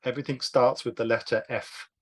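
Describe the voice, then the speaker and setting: A man guides a group through a word game on a video call. His talk is brisk and encouraging, and he keeps nudging the players to answer quickly. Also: mid-range voice, level tone. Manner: brisk, encouraging, urges speed. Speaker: online workshop host.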